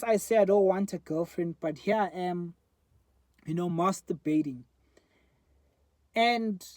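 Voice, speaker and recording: A South African man in his twenties vlogs into his phone's front camera, rambling candidly with lots of fillers in a casual, reflective monologue. His voice is high-pitched and a little mellow, with no echo.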